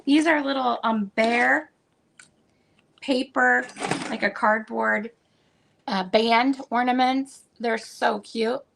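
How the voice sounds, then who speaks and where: A woman selling vintage items, chatting casually and meanderingly as she unpacks, with plenty of fillers, and a voice that is going a bit hoarse. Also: on the high side, fairly even intonation, slow pace, long pauses, background noise. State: losing her voice. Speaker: vintage seller showing stock. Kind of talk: casual unboxing chat.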